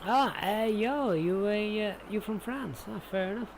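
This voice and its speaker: This Sheffield man's voice is high-pitched and his pace measured as he keeps up loose, friendly live commentary on a flight sim stream. He speaks Yorkshire English, thinking out loud and addressing his viewers, with clear background noise in the recording.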